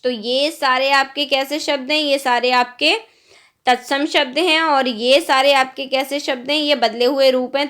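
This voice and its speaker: A woman teaching a grammar lesson, firing off quick questions and answering them herself, and often checking with "okay?". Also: high voice, fairly bright tone. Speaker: Hindi teacher. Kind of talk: exam-prep grammar lesson.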